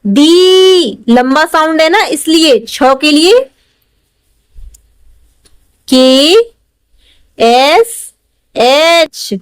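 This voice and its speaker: An English teacher, a woman with a high voice, spells words syllable by syllable in an extremely slow lesson, pausing often as she patiently explains, repeats, and stretches syllables. The recording is dry.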